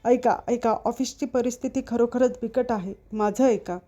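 A woman's voice: a little high, fairly even intonation, normal speed, mellow, dull audio, natural voice. Woman reading as a male clerk addressing a crowd. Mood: urgent. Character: male clerk union leader, forceful.

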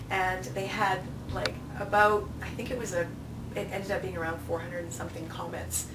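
Speaking at normal speed in a lowish voice with little pitch movement, this festival programming director in her thirties chats as an interview guest, sharing anecdotes and acting out things people said. She was recorded in a small office indoors on a distant mic, so the sound is roomy with a noticeable hum.

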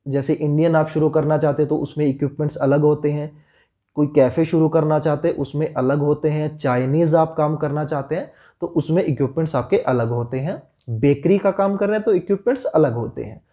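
Man in his thirties, seller explaining equipment to camera; mellow, darker tone, steady instructive delivery, lapel mic in a small room. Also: fairly high pitch, a little fast. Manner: steady, instructive, listing items.

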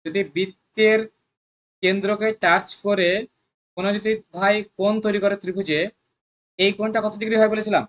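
A math tutor teaching an exam-prep class, firing quick questions at students and coaxing them along with lots of repetition. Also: mid-range voice, fairly even intonation, muffled recording. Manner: rapid call-and-response questioning of students. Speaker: math tutor at a coaching centre.

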